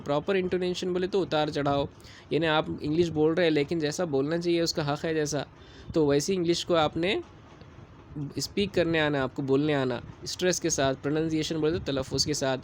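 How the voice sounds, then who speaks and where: Male lecturer, slow deliberate reading, keeps checking the class understands. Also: a little high, fairly even intonation, slight background noise. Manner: slow deliberate English reading, quicker explanations; repeats "theek hai" to check understanding. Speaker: teacher. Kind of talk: lecture explaining syllabus.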